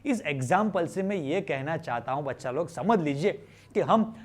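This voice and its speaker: A chemistry teacher with an Indian accent explains things to students informally, using questions, repeated phrases and a mix of English. His voice runs on the high side with lively intonation and a moderate pace.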